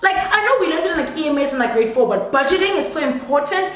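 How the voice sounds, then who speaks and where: A woman in her twenties, a guest in a casual couch chat, animated and exclaiming. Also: high-pitched, quick pace, recorded from a distance, slight background noise. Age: 20s. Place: apartment living room, on a couch. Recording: very echoey room, off mic.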